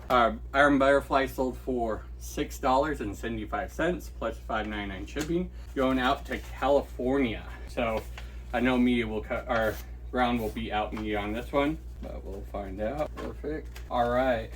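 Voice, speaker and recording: A man's voice: mid-range voice, moderate pace, slight background noise. Chatty man packing orders at home. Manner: chatty, thinks aloud while working, thanks each buyer. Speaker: online reseller. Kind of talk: casual packing-and-shipping vlog.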